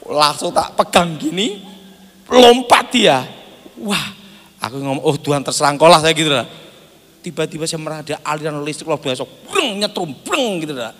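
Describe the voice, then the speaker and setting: A pastor preaches a sermon, sharing a personal testimony as an animated storyteller who acts out the dialogue and laughs often. His voice is on the high side and moves at a normal speed. The recording comes from an echoey hall with faint music.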